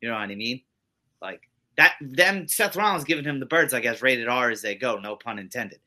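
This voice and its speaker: A man co-hosting a casual wrestling podcast, talking in an animated, rambling way. His pitch swings widely, and his voice has a bright, forward tone. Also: a little fast. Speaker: podcast co-host.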